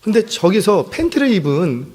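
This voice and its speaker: This pastor in his fifties, the senior pastor, has a high voice and preaches at a moderate pace, his words echoing with long reverb in the church sanctuary. He keeps it conversational, tells stories animatedly, and frequently breaks off with self-deprecating apologies.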